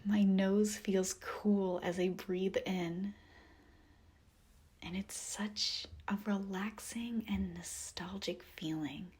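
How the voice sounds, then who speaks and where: A woman narrates a guided visualization for meditation, her mid-range voice soft, breathy and close to a whisper. She keeps a steady tone and a gentle, soothing manner, pausing at length.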